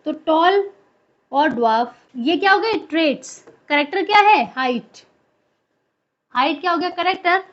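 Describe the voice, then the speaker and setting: A woman's voice: very high-pitched, animated, moderate pace, muffled recording. A woman teaching a biology class in a lecture style, asking questions and answering them herself.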